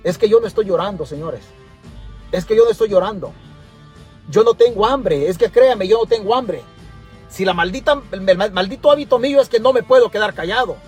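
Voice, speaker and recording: A man's voice: high-pitched, fairly quick, a little mellow, faint music behind. A Salvadoran man ranting passionately from his car during a livestream, repeating himself for emphasis. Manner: impassioned, repetitive, preachy. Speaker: political commentator. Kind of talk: livestream rant.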